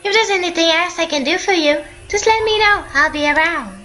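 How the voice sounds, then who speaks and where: A woman voicing a courteous, gentle old male rat in a video game, speaking with old-fashioned politeness. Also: very high-pitched, a little fast, soft background music, voice pushed up. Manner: courtly, addresses her as my lady.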